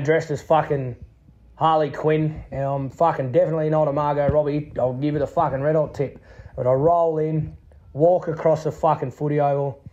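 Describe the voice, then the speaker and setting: An Australian man tells a casual yarn in a voice message to a show. He is blokey, swears constantly and leans on heavy slang, in a voice pitched a little higher than most men's. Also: dark tone, highs cut off. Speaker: listener leaving a voice message. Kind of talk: casual anecdote.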